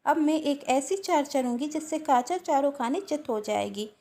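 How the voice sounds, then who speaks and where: A woman voicing a scheming, bossy married woman who talks in a sharp, commanding way. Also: high voice, normal speed.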